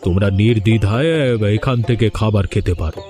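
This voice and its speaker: Over music, a man with a West Bengal accent voices a benevolent, self-important village landlord in a cartoon, speaking quickly in a lowish, lightly acted voice. His tone is patronizing and approving, delivered with declamatory authority.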